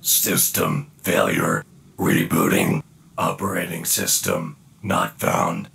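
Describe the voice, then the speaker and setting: Glitching robot villain. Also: male voice, sits low, slow, creaky, soft background music, full character voice. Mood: glitching readout. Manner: flat computer readout. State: system failing, glitching machine voice. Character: broken-down male cyborg villain, glitching robot. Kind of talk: video game voice acting.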